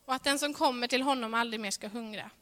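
Earnest woman preaching in a reverberant hall. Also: fairly high pitch. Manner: earnest, swings between ringing emphasis and hushed softness. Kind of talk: sermon.

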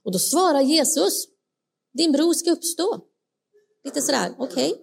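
Woman preacher, earnest, slightly high voice, asks the congregation questions. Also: lively intonation, gravelly. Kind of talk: sermon.

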